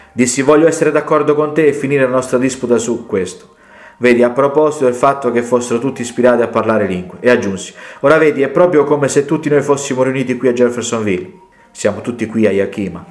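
A man delivers a sermon in a mid-range voice, recounting an argument at length and turning often to his listeners with asides. The sound is roomy, with a clear echo around him. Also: medium pitch, a little mellow. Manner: retells a debate with many asides. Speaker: preacher. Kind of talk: sermon storytelling.

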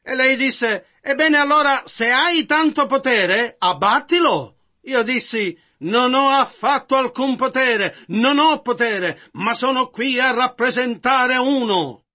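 Bright, very high-voiced sermon interpreter. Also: male voice, expressive. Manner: measured, echoing the preacher's phrases.

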